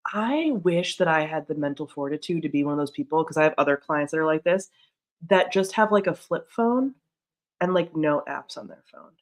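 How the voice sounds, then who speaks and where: Woman in her thirties, lowish voice, chatty streamer, rambling, desk mic. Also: animated, a little fast. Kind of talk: casual chat reading out chat.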